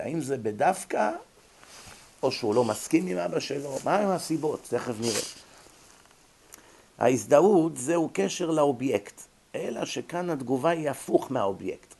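Male lecturer, mid-pitched, gravelly; explains with rhetorical questions. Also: a little mellow. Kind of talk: religious psychology lecture.

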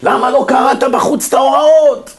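A man voicing an irate, pompous male courtroom judge who shouts indignantly. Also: extremely high pitch, fairly even intonation, voice pushed up. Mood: outraged.

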